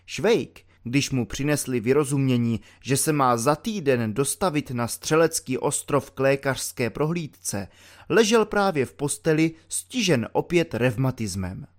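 A man narrating an audiobook in a measured storytelling way, slowing down for the dramatic lines. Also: medium pitch, expressive. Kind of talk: audiobook reading.

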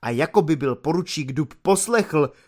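A man narrating a novel as an audiobook in a lively, expressive storytelling manner. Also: a little high.

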